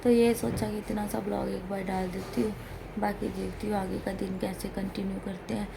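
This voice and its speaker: A woman from India talks straight to the camera in a casual home vlog, unwell and in pain. Her delivery is flat and complaining, with little rise and fall. An air conditioner hums loudly through the room behind her. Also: medium pitch, normal speed, gravelly, noisy background. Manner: plain, complaining, straight-talking. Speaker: vlogger.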